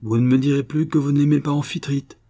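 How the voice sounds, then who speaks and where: A mild, elderly gentleman, as a male narrator speaks him, bantering lightly and then soothing. The voice stays dark and husky, close to the reader's own. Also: mid-range voice, expressive, moderate pace. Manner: bantering, placating. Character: old, mild-mannered gentleman, feigning calm.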